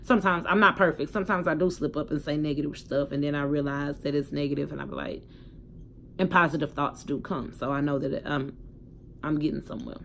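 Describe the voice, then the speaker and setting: A young woman, telling her personal story to a phone camera in a candid, emphatic way, swearing freely and swinging between loud outbursts and quiet reflection. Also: deep voice, steady tone, brisk, vocal fry, a little hiss or hum. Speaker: vlogger.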